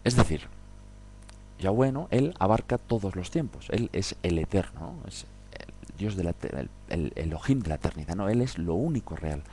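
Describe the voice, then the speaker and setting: Low-voiced man teaching scripture. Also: expressive, normal speed, warm tone, a little hiss or hum. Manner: conversational, frequent tag questions. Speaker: Bible teacher. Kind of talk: informal Bible study talk.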